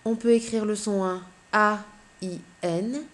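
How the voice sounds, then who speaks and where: In a mid-range voice with fairly even intonation, a woman gives young children a slow, clear phonics lesson, patiently going through the letters one by one.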